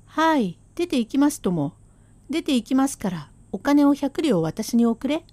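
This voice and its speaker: A sharp-tongued Edo wife, voiced by a woman storyteller, scolding on and on in a fairly high but mellow voice. The sarcasm never lets up. The sound is dry and close, as in rakugo storytelling. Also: sing-song, moderate pace, no echo.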